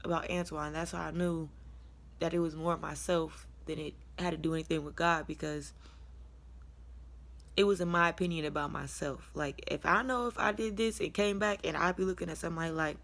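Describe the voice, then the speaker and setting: An American woman with a low, deep voice talks candidly to the camera as a vlogger sharing a personal testimony, rambling in a colloquial way and chuckling as she goes. She speaks fairly quickly with fairly even intonation, some vocal fry, and a slightly bright tone.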